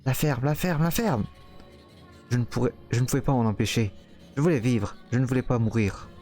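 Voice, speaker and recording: A man's voice: medium pitch, fast talker, dark tone, soft background music, lightly acted. Panicked, stammering tormented young man in a visual novel, read by a man.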